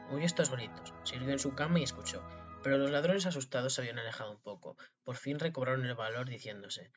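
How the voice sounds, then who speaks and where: Man reading a fairy tale, lo-fi. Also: mid-range voice. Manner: reads with small slips and restarts. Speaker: narrator. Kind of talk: storybook reading. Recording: dull lo-fi recording.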